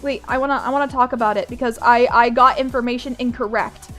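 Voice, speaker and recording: A woman's voice: fairly high pitch, fairly even intonation, fast talker, a bit bright, soft background music. A young woman streamer with a groggy morning voice, chatting casually, bubbly and giggly, repeating her phrases as she greets viewers. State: groggy morning voice, just woke up. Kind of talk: casual live-stream chat.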